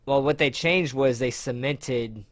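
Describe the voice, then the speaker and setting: A man co-hosting a casual movie podcast, recapping the plot in a halting way and laughing easily. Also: mid-range voice, no room sound. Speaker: podcast co-host. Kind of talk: casual movie-review chat.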